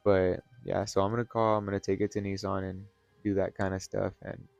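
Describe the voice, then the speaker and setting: A man's voice: low voice, flat delivery, fairly quick, vocal fry, darkish tone, dry recording, soft background music. A tired, burnt-out man talking casually from home in a rambling, laid-back vlog monologue, swearing now and then. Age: adult, has kids and a wife. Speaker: vlogger. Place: at home, sitting in a chair.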